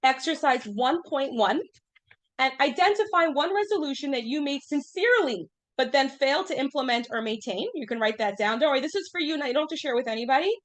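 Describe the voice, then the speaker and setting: A woman in her thirties leads a small class in a slightly high voice, chatting loosely and tossing questions to the group. She leans on fillers as she talks, keeping things relaxed and conversational. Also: a little fast. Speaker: class teacher. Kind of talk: informal class lesson.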